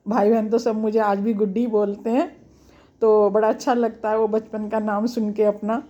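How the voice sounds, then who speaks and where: A woman's voice: mid-range voice, level tone, moderate pace, warm tone. Homely middle-aged woman telling a memory. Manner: homely, reflective, chatty. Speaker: storyteller. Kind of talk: personal storytelling. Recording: dull lo-fi recording.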